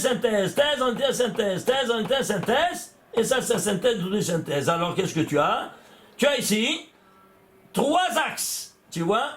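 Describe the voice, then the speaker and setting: An older man teaches a Torah class in a high voice that climbs and falls a great deal. He throws questions at his listeners and answers them himself, and he repeats words as he goes. The delivery is animated and full of emphasis. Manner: repeats words and restarts phrases. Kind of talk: Torah lesson with gematria.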